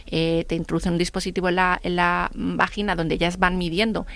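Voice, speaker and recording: A middle-aged woman tells her stories on a radio show, acting out each exchange with animated retelling. Her voice has a gravelly edge. The sound is dry and close, with no room around it. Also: fairly low pitch, a little fast, no echo. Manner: lively storyteller acting out dialogue. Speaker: guest. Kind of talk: radio interview storytelling.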